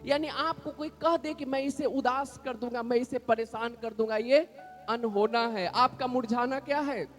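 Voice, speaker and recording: A man's voice: very high-pitched, normal speed, a bit bright, soft background music. A man preaching a sermon in a church, repeating lines for the congregation to say back. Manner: repetitive call-and-response preaching, has congregation repeat declarations. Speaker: pastor.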